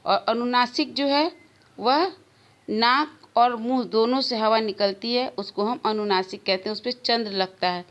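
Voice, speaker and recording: A woman teacher giving a recorded grammar lesson to schoolchildren, slowly repeating the key answers. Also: a little high.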